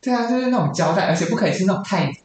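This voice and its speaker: A woman co-hosting a casual podcast chat, chiming in with short replies and bursting into loud laughter. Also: medium pitch, lively intonation, racing, a little hiss or hum. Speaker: podcast co-host. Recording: echoey room, distant mic.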